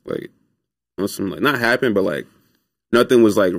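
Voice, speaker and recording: A young man, a music producer, telling stories in a relaxed, rambling interview full of fillers. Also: on the low side, normal speed, gravelly, no echo, clean studio sound. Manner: laid-back, rambling with many fillers. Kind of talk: casual storytelling interview.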